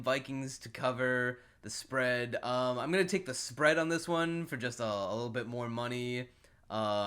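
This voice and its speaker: Man, casual football betting picks, rambling, swears a lot, filler-heavy, mid-pitched voice. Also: a bit bright, smooth. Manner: rambling, profane, frequent fillers and laughs. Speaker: sports betting predictions host. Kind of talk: casual solo commentary.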